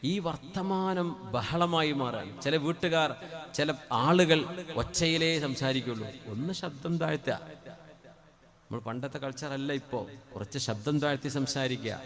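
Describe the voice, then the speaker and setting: A man with a Malayali accent giving a sermon into a microphone, moving between chanted Arabic phrases and quiet, conversational asides. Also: a little high, normal speed, a crowd in the background. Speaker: preacher.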